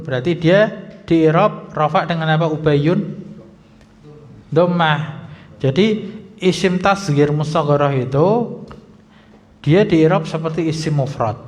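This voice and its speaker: A male Islamic teacher giving a grammar lesson in a mosque, reading text slowly, then explaining briskly and quizzing his students. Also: fairly high pitch, a little mellow. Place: mosque hall. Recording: dull lo-fi sound in a reverberant hall.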